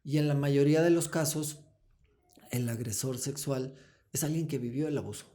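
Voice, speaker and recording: Man with a dark voice. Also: medium pitch, moderate pace. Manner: explanatory, acts out short dialogues with children. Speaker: guest, foundation founder. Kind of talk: earnest interview talk.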